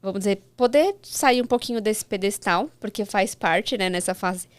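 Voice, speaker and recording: A woman's voice: medium pitch, moderate pace, no room sound. A woman, a mother, speaking as a guest in a casual chat, reflective and full of "né" tags, quoting others.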